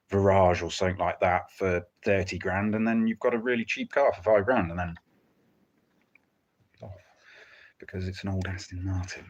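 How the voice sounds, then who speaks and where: Low-pitched man giving casual commentary. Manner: dry joking, hesitant and rambling. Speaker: livestream host commenting on a car auction.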